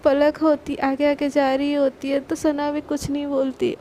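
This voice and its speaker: A woman's voice: high voice, completely flat delivery, normal speed, mellow, slight background noise. A woman retelling a love story in a casual, chatty run-on way, as the channel's storyteller.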